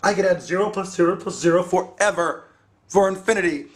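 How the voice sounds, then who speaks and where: A man's voice: high voice, brisk. A man teaching a casual math lesson, playful and jokey, thinking aloud with rhetorical questions and ums. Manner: playful, jokey, talks to students as dudes.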